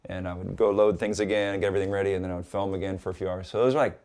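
A man from Hawaii, a guest in a casual interview, talking in a relaxed, rambling way with lots of "like" and "you know.". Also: sits low, racing.

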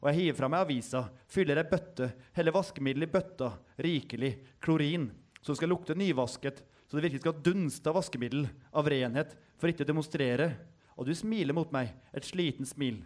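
Man reading his prose slowly. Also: a little high, darkish tone. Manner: measured, deliberate reading. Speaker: author. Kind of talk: reading own prose aloud.

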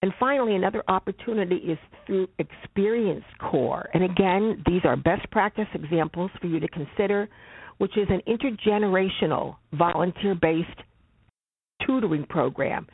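A social worker walks through a slide presentation, speaking in a measured, deliberate way and repeating words for stress. The voice is slightly husky and dry, and it comes over a thin, phone-like line. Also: mid-range voice, no echo. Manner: measured, deliberate, emphatic repetitions. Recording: phone-like narrow band.

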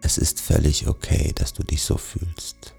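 A man narrating a guided sleep meditation in a soothing, gentle manner, speaking softly and directly to the listener. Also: extremely low pitch, fairly even intonation, measured pace, vocal fry, slightly rough, faint music behind.

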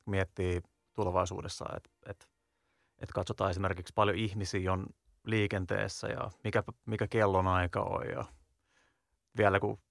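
A male podcast host thinks aloud about future ideas in a musing, conversational way. His voice sits low with a gravelly edge, and his pitch stays fairly flat. The recording is dry and close. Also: no echo. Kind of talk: casual podcast chat.

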